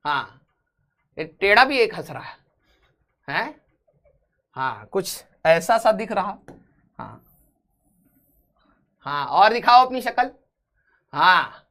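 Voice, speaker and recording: Guy teaching a physics class online, jokey and teasing, kinda high bright voice. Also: big pitch swings, slow pace, pauses often. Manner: jokey, teasing banter with students; switches to English when reading questions. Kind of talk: live online lecture.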